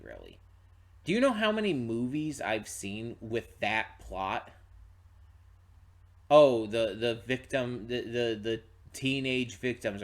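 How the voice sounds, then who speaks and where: A man hosting a reaction channel, talking casually and rambling with frequent restarts while tired and yawning. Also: mid-range voice. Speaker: channel host. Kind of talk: casual pre-reaction talk to camera.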